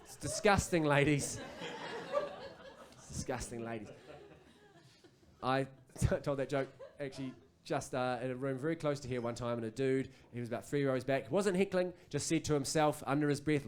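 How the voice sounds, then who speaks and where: A man's voice: medium pitch, moderate pace, a crowd in the background. A man with a New Zealand accent performing a stand-up comedy set on a club stage, telling stories and acting out other people's voices. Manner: animated storytelling, acts out voices.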